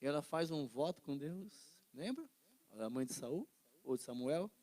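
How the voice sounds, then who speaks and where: A middle-aged Brazilian man with a fairly high voice and a Brazilian Portuguese accent leads an informal Bible class. He retells the stories with lively, animated flair, acting out the voices of the characters. He frequently asks his listeners "né?" for a quick nod of agreement.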